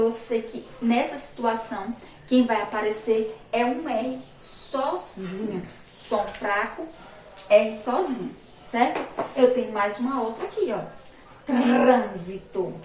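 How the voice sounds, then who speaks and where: A fairly high-voiced woman teacher from Brazil gives a remote lesson to young children, drawing out each word and repeating sounds again and again. She is recorded from a distance in an echoey room with faint background noise. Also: a little mellow. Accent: Brazilian Portuguese, Sergipe. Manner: slow, emphatic, repeats sounds and words for children. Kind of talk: remote school phonics lesson.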